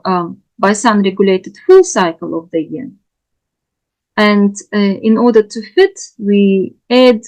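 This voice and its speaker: Slow, halting woman lecturer. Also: medium pitch, a little mellow, rough recording. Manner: halting, with frequent fillers and self-corrections; patient, explanatory. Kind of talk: unscripted teaching lecture.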